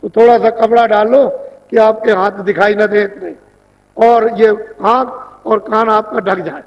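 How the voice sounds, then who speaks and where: A man's voice: high voice, fairly even intonation, unhurried. A man giving a devotional sermon as a spiritual teacher, instructing in a plain, repetitive way. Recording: dull lo-fi 1990s tape recording.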